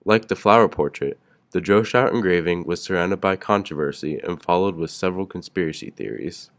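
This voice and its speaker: A man's voice: sits low, a little fast. A man narrating a school project presentation, reading steadily from a script. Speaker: student presenter.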